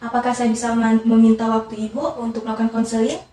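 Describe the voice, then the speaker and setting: Fast, polite customer service woman in echoey room. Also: fairly high pitch, flat delivery, dark tone. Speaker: pharmacist in a student counseling role-play. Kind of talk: rehearsed customer service role-play. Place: echoey indoor room, away from the mic. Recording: echoey room, distant mic, faint noise.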